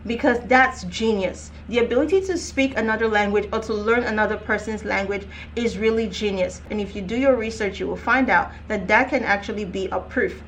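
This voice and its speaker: A young woman giving career advice straight to her viewers, in a voice of middling pitch. She talks in a direct, emphatic way and leans hard on her key points. A faint hiss of room ambience sits under her voice. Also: brisk, hardly any pauses, fairly bright tone. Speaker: youth career coach. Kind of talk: casual advice vlog.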